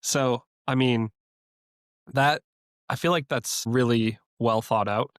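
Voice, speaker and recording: A man's voice: medium pitch, steady tone, slow pace, dry recording, clean studio sound. A man hosting a podcast interview who speaks in an enthusiastic, appreciative way. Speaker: podcast host.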